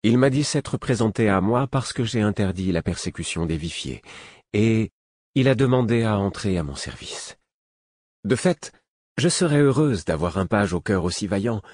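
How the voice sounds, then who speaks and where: A man reading the part of a soft-spoken, composed queen in an audiobook, speaking gently and earnestly. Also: fairly low pitch, lively intonation, moderate pace, dry recording, studio quality, voice pushed up.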